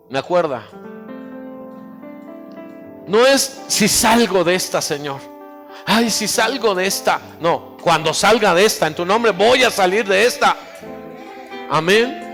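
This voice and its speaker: A man preaching a sermon as pastor, exhorting fervently and dropping now and then into quiet asides. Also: high-pitched, expressive, unhurried, pauses often. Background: instrumental music.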